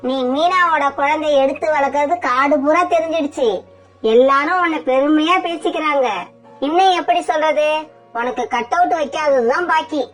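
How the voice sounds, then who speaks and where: A woman's voice: high voice, fairly bright tone. A woman voicing a scheming, jealous female bird in a cartoon who sneers and taunts. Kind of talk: cartoon voice acting.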